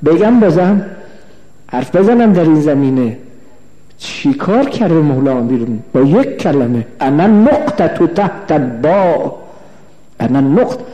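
A male cleric giving a religious lecture, slow and emphatic, repeating phrases and asking the audience questions. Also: high voice, mellow. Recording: long hall reverb.

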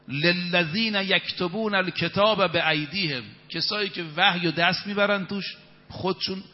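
A man in his fifties delivers an evening sermon in a somewhat raised voice, stressing his points emphatically and chanting verses in Arabic. His words ring with a long reverb through a large hall, and the recording sounds a little muffled. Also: fairly high pitch. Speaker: preacher.

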